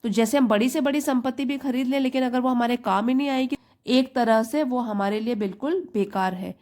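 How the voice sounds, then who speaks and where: A woman's voice: fairly high pitch, fairly quick, darkish tone. A woman teacher, reading a story phrase by phrase and explaining each part in Hindi. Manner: reads English phrase by phrase, then explains it in Hindi. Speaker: English teacher. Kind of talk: slow bilingual reading lesson.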